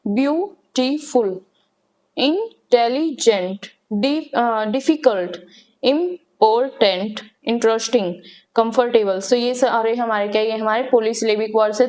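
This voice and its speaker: Woman teaching, fairly high voice. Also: darkish tone. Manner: explains step by step, asks questions and answers them herself, slow spelled-out examples. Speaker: English grammar teacher. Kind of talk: classroom grammar lesson.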